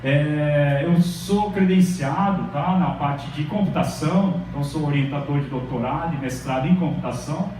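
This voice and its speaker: Speaking at a normal speed with hardly any pauses, a middle-aged Brazilian professor lectures in a chatty, informal way and keeps checking in with the room. His pitch is fairly high and his tone somewhat dark. A faint hiss or hum accompanies the distant, very echoey recording of a large lecture hall.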